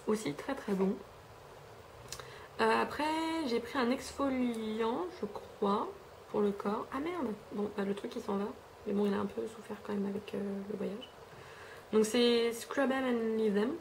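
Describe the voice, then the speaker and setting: A young Frenchwoman rambles casually through a beauty haul at home, chatty and full of fillers and self-corrections, recorded on a camera mic. Her voice is fairly high, unhurried and gravelly with a darkish tone, and there's slight background noise.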